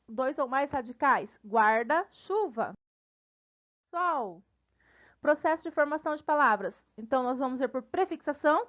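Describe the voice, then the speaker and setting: A woman teacher with a Brazilian Portuguese accent giving a recorded grammar lesson, friendly with her students and spelling out syllables slowly. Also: high voice, a bit bright, highs cut off. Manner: friendly, addresses students casually.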